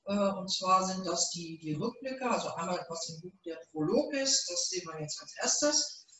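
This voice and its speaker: A woman's voice: mid-range voice, expressive, normal speed, a bit bright, slight background noise. A middle-aged woman, the author, hosting a reading and chatting casually with many fillers, recorded from a far camera in a small room. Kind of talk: casual event introduction. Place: small event room, indoors. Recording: roomy echo, mic far off.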